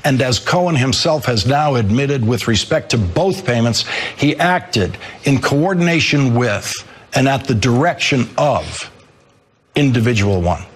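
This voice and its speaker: A man in his sixties hosting a news program, delivering a measured, emphatic commentary monologue. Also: mid-range voice, expressive, slightly rough. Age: 60s. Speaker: news host.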